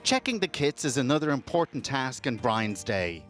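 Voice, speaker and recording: A man's voice: mid-range voice, very animated, normal speed, a bit bright. A man reading scripted narration as a television reporter. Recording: voice-over with clear music bed.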